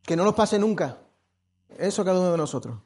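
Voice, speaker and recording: Preaching man, high voice. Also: animated, fast. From Spain. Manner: preaching with dramatic swings between hushed and loud; repeats key phrases for emphasis. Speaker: pastor. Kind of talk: sermon. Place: church.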